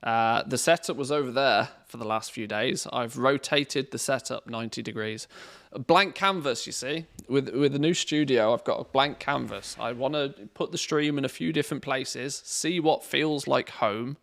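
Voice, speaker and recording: Gravelly, creaky-voiced male game streamer. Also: medium pitch, fairly even intonation, moderate pace, hardly any pauses, a bit bright, no echo. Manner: rambling, addresses viewers informally. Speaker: game streamer and video maker. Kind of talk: casual livestream chat. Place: indoor studio room padded with cushions against echo.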